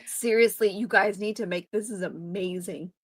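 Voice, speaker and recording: A woman's voice: mid-range voice, fairly even intonation, normal speed, dry recording. A woman in her thirties co-hosting a podcast, chatting casually and playfully with lots of giggles and exclamations. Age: 30s. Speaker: podcast co-host. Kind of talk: casual chat.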